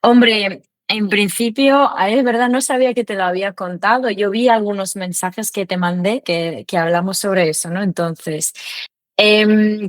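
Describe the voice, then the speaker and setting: A woman speaking Spanish as a second language, chatting in an interview. She talks thoughtfully, pausing on fillers and rephrasing as she goes. The recording is close and dry, with no room sound. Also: medium pitch, dry recording. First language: not Spanish. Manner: thoughtful, lots of fillers and self-corrections. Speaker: podcast guest. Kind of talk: casual interview chat.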